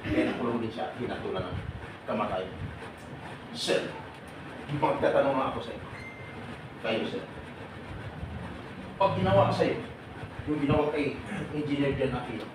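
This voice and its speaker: A man addressing a group of workers with lively, animated delivery, laughing often and firing questions at his audience. His voice sits at a middle pitch and comes from some way off the mic. The room is very echoey and there is steady background noise. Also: recorded from a distance. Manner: animated, laughing, asks the listeners direct questions. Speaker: OFW advocate speaking to a group of workers. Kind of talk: lively talk to a live group.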